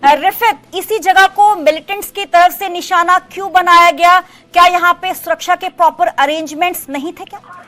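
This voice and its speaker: Female news anchor with a high voice. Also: moderate pace. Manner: formal, steady delivery.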